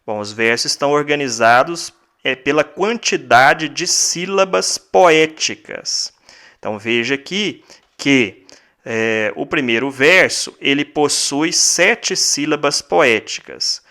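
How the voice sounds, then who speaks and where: A man's voice: on the high side, lively intonation, takes it slowly, bright, forceful tone. A male teacher with a Brazilian Portuguese accent, explaining a lesson step by step, repeating key points and counting syllables aloud.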